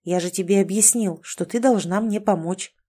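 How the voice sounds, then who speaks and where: A woman's voice: medium pitch, moderate pace, dark tone, breathy edge, natural voice. A woman reading the lines of a touchy young man trapped in a kitten's body in an audiobook, close to her own voice. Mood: grumpy. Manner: grumpy, condescending.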